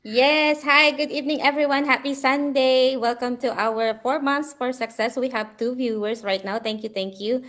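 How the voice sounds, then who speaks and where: A woman's voice: high voice, fairly even intonation, moderate pace, hardly any pauses, a bit bright. A woman from the Philippines co-hosting a talk show, greeting viewers cheerfully. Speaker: co-host.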